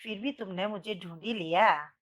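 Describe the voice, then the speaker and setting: A woman voicing a gentle, grey-haired older male teacher who speaks softly and kindly in a told story. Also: medium pitch, normal speed, close to an everyday voice. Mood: soft, regretful. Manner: soft, fatherly, calls her "beti".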